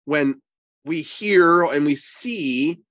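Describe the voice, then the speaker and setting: A man who is a priest, slightly wheezy and congested with a cold, giving conversational religious teaching in an emphatic, halting way. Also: a little high, bright, forceful tone, no room sound. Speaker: priest and co-host.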